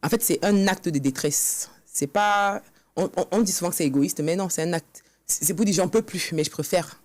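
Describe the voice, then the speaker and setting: On a podcast studio set, a female guest author tells her own story in an interview, earnest and acting out past conversations. Her voice is on the low side and a little mellow, at normal speed, with no echo.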